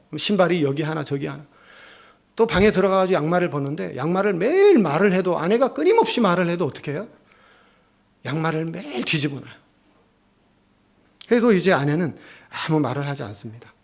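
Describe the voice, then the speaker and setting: A man's voice: a little high, very animated, fast, creaky. A middle-aged male pastor preaching a sermon, telling a family story and acting out the quotes. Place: church sanctuary.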